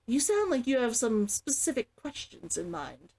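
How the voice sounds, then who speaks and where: A woman's voice: fairly high pitch, sing-song, moderate pace, a little mellow. A woman reading the lines of a guarded, weary man who fled servitude, in a storybook narration.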